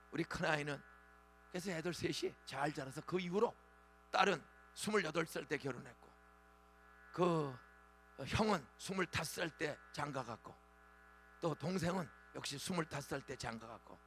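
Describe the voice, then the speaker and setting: A man in his sixties, a pastor preaching a dawn revival sermon in a church, with lively call-and-response prompts to the congregation. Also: a little high. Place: church sanctuary.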